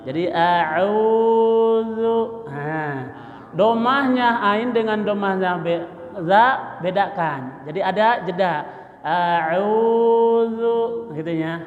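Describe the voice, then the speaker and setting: A man teaches Quran recitation at a slow pace, sounding out letters and repeating syllables for his listeners. The recording carries a long reverb from the mosque hall. The sound is dull and lo-fi. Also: high-pitched, expressive. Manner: demonstrates letters slowly, repeating sounds, light joking. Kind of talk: tajwid lesson with drilled pronunciation.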